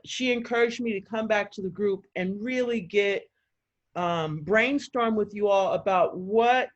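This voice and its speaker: Energized woman on a muffled video call. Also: mid-range voice. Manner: energized, talks fast with many fillers and quoted voices. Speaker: community organizer in a video call. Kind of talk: excited casual chat.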